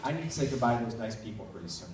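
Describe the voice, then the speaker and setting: A man's voice: fairly low pitch, animated, rapid-fire. A man hosting a live stage hypnosis show, asking volunteers simple coaxing questions as if to small children and repeating their answers back. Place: live stage before an audience. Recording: very echoey hall, distant, loud noise.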